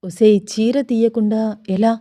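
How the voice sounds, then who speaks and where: A woman's voice: on the high side, fairly even intonation, measured pace, mellow, dry recording, clean studio sound, close to an everyday voice. A woman voicing a teasing, eager young husband who scolds playfully.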